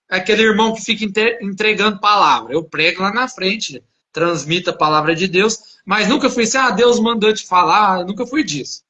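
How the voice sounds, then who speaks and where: Man, high voice, bright tone, animated storyteller, preacher. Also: muffled recording. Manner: animated, acts out dialogue in his story. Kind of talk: casual storytelling testimony.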